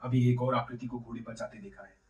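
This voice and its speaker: A man voicing an earnest village man, anxious and easily excited, in a read-aloud play, recorded in a roomy space away from the mic. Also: medium pitch, fairly quick, recorded from a distance, natural voice.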